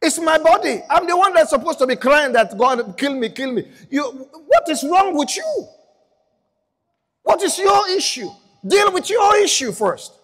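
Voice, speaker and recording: Brief: a preacher doing a suffering old man, raised high and loud, reverb-heavy hall. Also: big pitch swings, a little slow, heavily acted. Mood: exasperated. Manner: exasperated, loud, pleading. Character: anguished suffering old man rebuking his wife.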